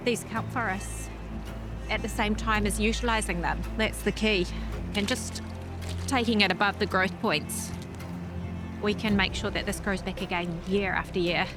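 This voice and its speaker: Calm New woman over music. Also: mid-range voice, a little slow, pauses often. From New Zealand. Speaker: company co-founder. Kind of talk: documentary interview. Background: loud background music.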